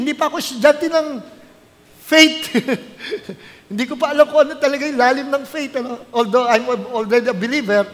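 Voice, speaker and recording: A man's voice: very high voice, long reverb tail. A middle-aged man, a pastor, preaching a sermon and telling his story with animation, mixing English into his talk.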